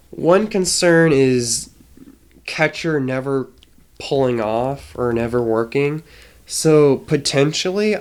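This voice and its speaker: A trading card game content creator with a smooth, medium-pitched voice, though nasal and stuffy from a cold, casually explains a deck. He hesitates a lot, with frequent ums and restarts.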